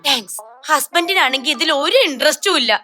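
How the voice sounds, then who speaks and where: Woman doing a very high, sharp-voiced wife chasing viral fame, pushy, comedy skit. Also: animated, a little fast, faint music behind. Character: reels-obsessed wife eager to go viral.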